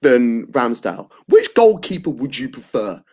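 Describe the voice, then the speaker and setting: A man's voice: mid-range voice, sing-song, moderate pace, darkish tone, husky. An Englishman hosting a football podcast, talking bluntly and at length. He hedges with plenty of ums and restarts, in an everyday mid-range voice. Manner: blunt, opinionated, rambling with fillers. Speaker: podcast host. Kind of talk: casual football debate chat.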